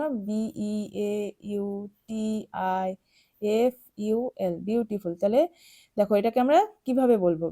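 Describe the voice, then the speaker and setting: A woman teacher explaining English words to young pupils, spelling them out and repeating them slowly. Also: a little high, mellow.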